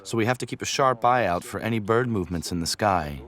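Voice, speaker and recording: Male wildlife photographer, lower register, explanatory nature documentary commentary. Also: expressive, fast, a bit bright.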